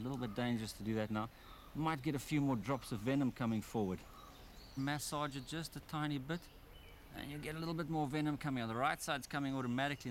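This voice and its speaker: A man's voice: mid-range voice, slight background noise. A man presenting a wildlife documentary outdoors in a grove, explaining eagerly while handling snakes. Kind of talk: documentary narration and field presenting.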